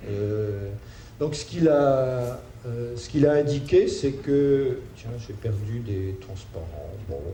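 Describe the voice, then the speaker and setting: A man giving a spoken lecture, halting, with many fillers and restarts. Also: medium pitch, animated, dark tone. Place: lecture hall. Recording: roomy hall sound with faint ambient noise.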